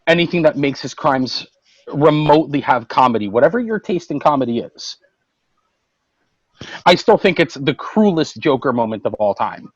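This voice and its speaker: A man's voice: a little high, moderate pace, dry recording. Man, podcast co-host, casual chat, detailed retelling, dry room, dull audio. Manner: animated storytelling, recounting plots in detail.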